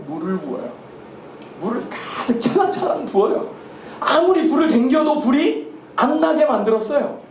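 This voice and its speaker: A male pastor preaching a sermon, retelling a story with lively rhetorical questions and frequent chuckles. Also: very high-pitched, echoey room, a little hiss or hum. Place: church sanctuary.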